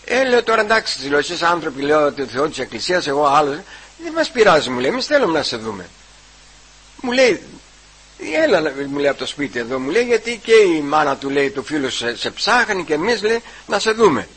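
A man giving a personal testimony at church. He retells the conversations and keeps repeating "I say" and "he says", with halting restarts. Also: fairly high pitch, very animated, a bit bright, slightly rough, poor audio.

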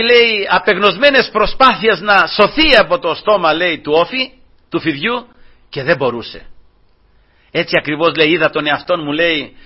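A man preaching a sermon, fervent and husky, swinging between loud and soft, often calling out to his brothers. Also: fairly high pitch, muffled recording. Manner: fervent, rising and falling in loudness, repeating "brothers".

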